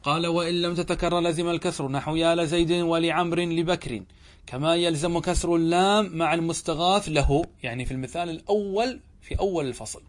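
A man with a fairly high voice lectures on a grammar text as a sheikh. He reads a passage and then explains it. He asks questions, answers them himself and repeats each example slowly and deliberately. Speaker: sheikh teaching Arabic grammar.

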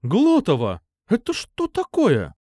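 A man's voice: high-pitched, huge pitch swings, slow, no room sound, voice pushed up, full character voice. A man voicing a stern scolding schoolteacher woman. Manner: stern, lecturing, loud. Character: strict scolding middle-aged female schoolteacher.

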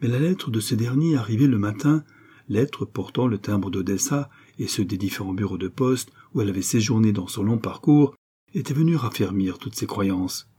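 A man reads a classic novel aloud in a measured, expressive storytelling manner. His voice sits low and mellow, with a husky, slightly breathy texture. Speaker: audiobook reader. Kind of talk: audiobook narration.

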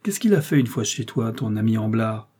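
A sharp, commanding detective, read by a man gives orders in curt, authoritative questions. The voice is husky and dark-toned, and the part is told as an audiobook. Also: on the low side, expressive, normal speed. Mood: probing. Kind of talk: audiobook character reading.

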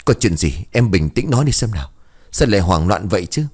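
A man voicing a gruff, irritable village father who gives curt orders. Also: deep voice, very animated, fairly quick, a little mellow, exaggerated voice. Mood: brusque.

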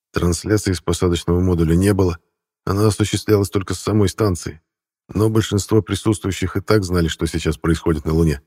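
A man reads a first-person audiobook in a calm, matter-of-fact way. His voice is very low and steady. The recording is close and completely dry. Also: no echo. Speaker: audiobook narrator.

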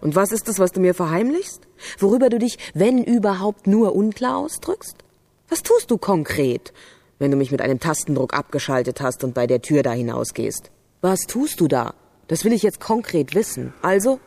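A woman's voice: lowish voice, big pitch swings, normal speed, dark tone. An actress playing a jealous, suspicious female computer program who is a virtual lover, in a radio play. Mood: accusing, jealous. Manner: accusing, jealous, interrogating.

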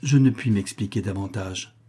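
A man's voice: lowish voice, moderate pace, warm tone, slightly rough. A man reading the part of a solemn, secretive young nobleman who speaks with restrained resolve. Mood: grave. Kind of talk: audiobook character voice.

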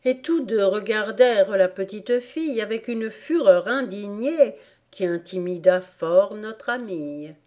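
Slow, calm woman reading a storybook. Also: medium pitch. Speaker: audiobook reader. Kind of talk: storybook narration.

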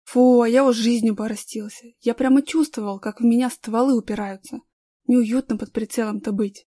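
A woman voicing a gruff homeless man who urgently orders the boys around, in a storybook reading. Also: a little high, fairly even intonation, normal speed, warm tone, dry recording, clean studio sound, natural voice.

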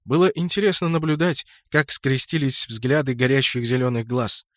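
Male audiobook narrator, steady, mid pitch, dry close recording. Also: no room sound. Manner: steady, measured storytelling. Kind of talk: scripted narration.

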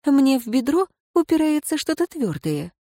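A woman's voice: high-pitched, big pitch swings, moderate pace, warm tone, no echo, clean studio sound, voice pushed up. A woman voicing a playful, ironic young noblewoman who teases her lover. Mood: teasing.

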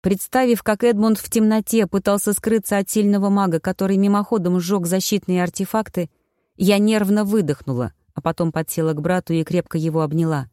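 Woman, audiobook narration, first person, brisk, clear, dry studio sound. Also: medium pitch, steady tone, dark tone, no room sound.

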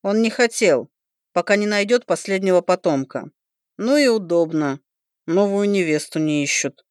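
A woman's voice: fairly low pitch, lively intonation, moderate pace, dry recording, studio quality, lightly acted. A woman reading an audiobook, voicing a young male dragon student who talks in a blunt, teasing, matter-of-fact way. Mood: wry. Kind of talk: audiobook character voice.

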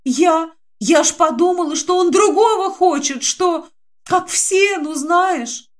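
A woman voicing a frightened, tearful young woman who talks in a high, breathless, pleading rush. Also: takes it slowly.

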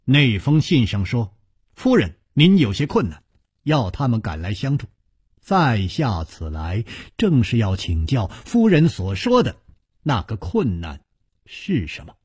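A man voicing a calm, proud young swordsman in a told story, speaking in a subdued, measured way. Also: mid-range voice, slightly rough, no room sound, clean studio sound, voice pushed down, heavily acted. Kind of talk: storytelling broadcast.

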